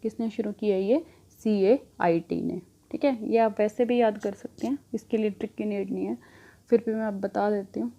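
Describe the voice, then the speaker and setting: A young woman with a mellow, medium-pitched voice and fairly even intonation teaches current affairs at normal speed. She poses questions, answers them herself with repetition, and uses rhyming memory tricks.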